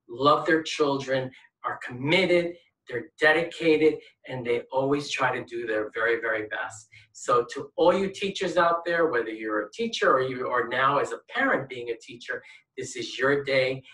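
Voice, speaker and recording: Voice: mid-range voice, unhurried, pushed and bright. A guest speaker giving a recorded message of earnest praise with emphatic lists. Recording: echoey room, far from mic.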